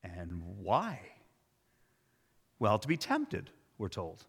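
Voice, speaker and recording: A man's voice: fairly low pitch, wildly swooping pitch, very slow, gravelly, slightly rough, in a large hall. A man preaching a sermon in a conversational way, with wry asides and emphatic repetition. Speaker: pastor.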